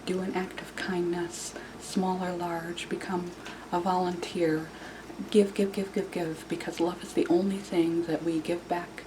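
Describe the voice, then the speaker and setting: A woman speaking quietly in a hushed near-whisper, as if someone is asleep nearby, giving casual self-help advice in a halting, repetitive way. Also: fairly low pitch, little pitch movement. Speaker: video channel host. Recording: clearly noisy room recording.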